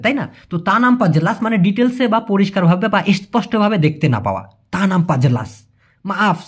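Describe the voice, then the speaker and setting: Patient man teaching words, lively pitch. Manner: patient, repeats words slowly to teach them. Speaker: Malay language teacher. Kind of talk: explaining vocabulary to viewers.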